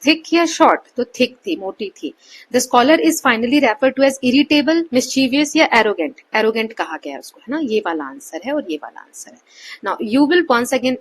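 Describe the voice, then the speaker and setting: A woman teacher with a slightly high voice talks through a textbook chapter. She reads English sentences slowly and acts out questions with clear rises and falls in tone. Now and then she pauses with fillers and restarts. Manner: mixes Hindi and English, reads English lines slowly then explains; models question intonation with rising and falling pitch. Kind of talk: textbook lesson explanation.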